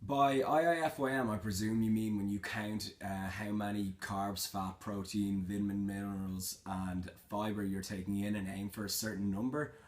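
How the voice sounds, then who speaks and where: A man's voice: fairly low pitch, steady tone, moderate pace, few pauses. A young man in a casual Q&A vlog, reading out questions and answering them in an informal, matter-of-fact, slangy way. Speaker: fitness vlogger.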